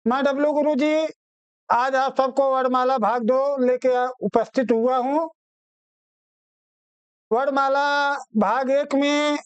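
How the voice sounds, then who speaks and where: A man with a very high, clean voice teaches an exam-prep grammar lesson, calling his students children and slowly repeating every phrase so they can write it down. There's no room sound, though the audio is lo-fi.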